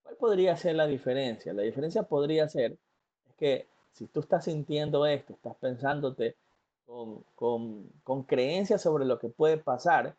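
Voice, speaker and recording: A man's voice: fairly high pitch, measured pace, warm tone, dull audio. A man, giving a motivational talk as a life coach and speaking earnestly and directly to the listener, with frequent fillers and restarts. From Ecuador.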